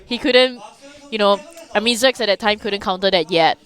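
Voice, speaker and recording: A woman's voice: mid-range voice, moderate pace. A young woman co-casting an esports match, asking questions and chatting through the players. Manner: animated, curious, chatty analysis. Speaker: esports co-caster. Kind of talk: casual esports commentary.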